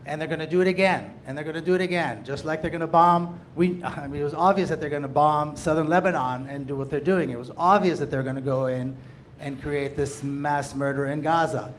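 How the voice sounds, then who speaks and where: Man from jerusalem, audience comment, emphatic, earnest, slightly high voice, faint noise. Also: fairly even intonation, brisk. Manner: earnest, emphatic, repeats phrases. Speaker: audience member, activist. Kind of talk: impassioned public comment.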